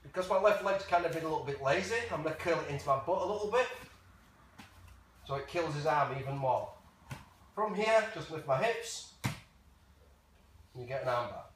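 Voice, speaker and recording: A man's voice: on the high side, animated, moderate pace, long pauses. A man coaching a jiu jitsu class, talking through a hands-on demonstration step by step in short, casual phrases. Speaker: martial arts coach. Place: large echoey indoor training room. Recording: very echoey, noisy room, far from mic.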